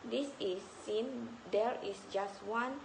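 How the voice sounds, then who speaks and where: A woman's voice: mid-range voice, takes it slowly. A young woman reading a scripted slide presentation as a student presenter. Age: young adult. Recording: echoey room with clear noise.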